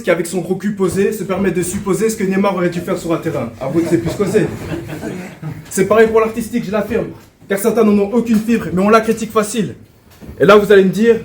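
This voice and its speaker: A man's voice: high-pitched, fast talker, a little mellow. A man delivering declamatory, mocking a cappella battle rap. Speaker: battle rapper. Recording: clearly noisy live recording.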